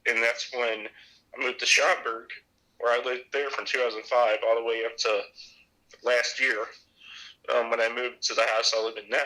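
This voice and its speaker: A man in his twenties from Illinois, a podcast guest talking in a halting way with many restarts. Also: medium pitch, sharp tone, rough recording. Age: 20s. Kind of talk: casual chat.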